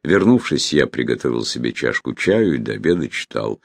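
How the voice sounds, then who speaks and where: A man reading a reflective memoir as audiobook narration, in a measured way with phrase ends that trail off. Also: a bass voice, very animated, vocal fry, no echo, studio quality.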